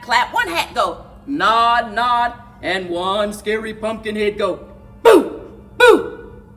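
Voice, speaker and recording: This is a woman with a voice on the high side, narrating a children's story at library story time. She reads deliberately and dramatically, full of expression and playful sound effects in words.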